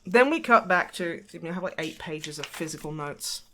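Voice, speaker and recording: A woman co-hosting a podcast, recapping a film in an animated, sweary, emotional way. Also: on the low side, moderate pace, a little hiss or hum. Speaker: podcast co-host. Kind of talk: casual chat.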